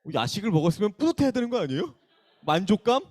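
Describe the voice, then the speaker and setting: A man's voice: high voice, very animated, fast talker, a little mellow. A young man, a youth pastor, opening a casual sermon by bantering with the students and calling on them by name. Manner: bantering, teasing, calls on listeners by name. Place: church worship hall.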